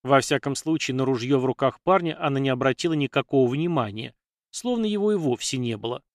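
Brief: man, mid pitch, steady fiction narration, dry booth sound. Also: quick pace, no room sound. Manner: steady storytelling read. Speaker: audiobook narrator.

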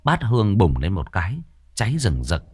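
A man narrating a ghost story with dramatic, expressive delivery. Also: sits low, moderate pace, husky, no room sound, clean studio sound.

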